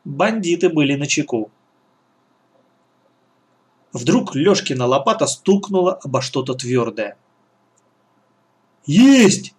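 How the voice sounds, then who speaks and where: A man's voice: on the high side, lively intonation, measured pace, pauses often. Man narrating a children's adventure audiobook. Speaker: audiobook reader.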